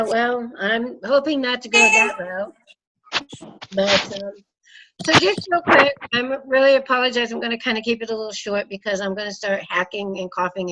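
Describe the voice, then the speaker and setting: A woman's voice: a little high, sharp tone. A middle-aged woman leading a team meeting over a video call, congested from a cold and rambling with many fillers. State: congested, sick. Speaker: team leader. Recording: dull lo-fi call audio with faint noise.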